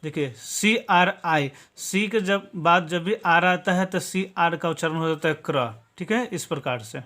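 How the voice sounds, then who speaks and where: A man's voice: high-pitched, unhurried, sharp tone. Man teaching step by step, 'okay?'. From Bihar, India. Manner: patient step-by-step explaining, tags many lines with 'okay?'. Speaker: English teacher. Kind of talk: classroom-style lesson.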